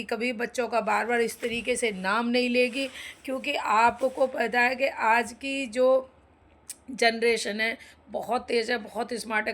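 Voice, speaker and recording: Indignant woman scolding, fairly high voice. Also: fairly bright tone. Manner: scolding, indignant, addresses people directly. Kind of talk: angry opinion rant to viewers.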